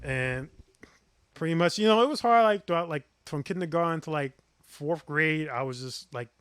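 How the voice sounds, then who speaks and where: A young man co-hosts a podcast, wandering through childhood memories with plenty of fillers and sentences that trail off, his voice dipping low when he gets thoughtful. He talks at a normal speed in a slightly bright, clean tone. It's a casual chat recorded at studio quality with no room sound.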